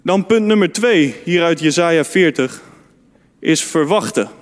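A man's voice: a little high, lively intonation, measured pace. A man preaching a fervent sermon to a youth congregation in a church hall, often calling out amen and hallelujah. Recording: long hall reverb.

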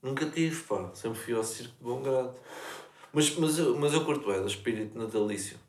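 A young man with a European Portuguese accent, chatting casually in a relaxed, slangy way and reminiscing. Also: mid-range voice, moderate pace, roomy sound. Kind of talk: casual chat.

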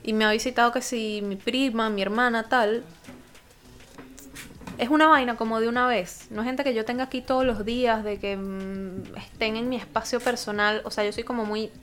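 A young Venezuelan woman co-hosting a casual podcast chat. She talks in an easy, slangy, animated storytelling way. Her voice sits a little high for a woman. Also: moderate pace. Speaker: podcast co-host.

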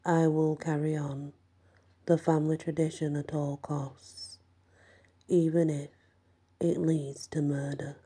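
Brief: spellbound young man, read by a woman, slow whispered monotone, dark and husky. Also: fairly low pitch, exaggerated voice. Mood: entranced. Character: entranced young man, dazed and obedient.

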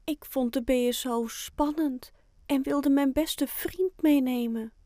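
A woman's voice: high voice, takes it slowly, no echo, studio quality, pitched above the performer's own voice. Oskar, a woman doing a shy little penguin boy. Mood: earnest. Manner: soft, bashful and earnest. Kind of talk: children's audiobook voice acting.

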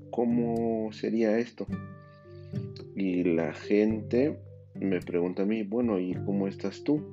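A man working as a life coach, speaking in an unhurried, thoughtful way with frequent hesitations and restarts. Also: fairly low pitch. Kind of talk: reflective spoken monologue. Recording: dull lo-fi audio over clear guitar music.

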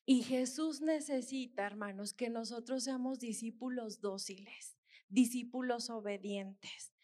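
A woman's voice: on the high side, measured pace, warm tone. A woman, a missionary dentist giving an earnest sermon testimony and often calling her listeners brothers. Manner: earnest storytelling, repeatedly addressing listeners as brothers.

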